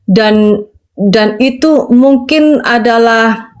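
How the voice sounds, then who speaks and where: A middle-aged woman with a Madurese accent shares her testimony in a high, earnest voice. She speaks with emotion and keeps turning to her listener. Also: very slow. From Sampang, Madura, Indonesia. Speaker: evangelist. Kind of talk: personal testimony in conversation.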